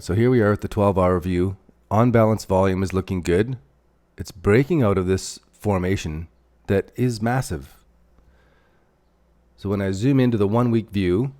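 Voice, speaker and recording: Canadian guy on a livestream, kinda low dark voice, rambling about charts n reading chat. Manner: rambling, thinks aloud while drawing on charts; reads out and answers viewer chat. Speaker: crypto livestream host. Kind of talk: casual livestream chart commentary.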